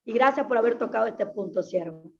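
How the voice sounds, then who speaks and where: A woman's voice: on the high side, expressive, fairly quick, vocal fry, noisy background. A woman pastor giving an earnest, emphatic personal testimony in an interview, often repeating her phrases. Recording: dull lo-fi sound.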